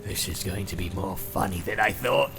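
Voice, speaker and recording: Guy doing a rough sneery orc, gravelly, music playing. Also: low-pitched, normal speed, a bit bright, voice pushed down. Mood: jeering. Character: sneering, crafty male orc captain.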